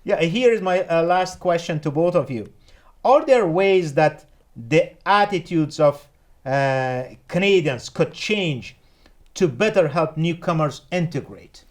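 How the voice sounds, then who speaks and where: A man from Afghanistan hosting an interview, speaking haltingly with many pauses and fillers. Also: on the high side, animated. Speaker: talk show host. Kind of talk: conversational interview.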